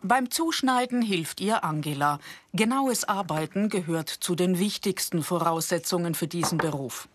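A woman reading a scripted documentary narration in a calm, informative manner. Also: lowish voice, normal speed, faint music behind.

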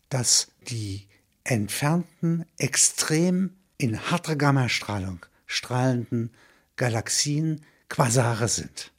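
A man with a husky, medium-pitched voice reads literary narration in an explanatory way, breaking off now and then into spoken asides.

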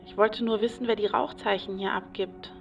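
A woman's voice: medium pitch, steady tone, normal speed, gravelly, far from the mic, dull audio, faint music behind, lightly acted. An actress voicing an agitated, paranoid woman psychiatric patient who rambles obsessively in a radio play. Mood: fearful.

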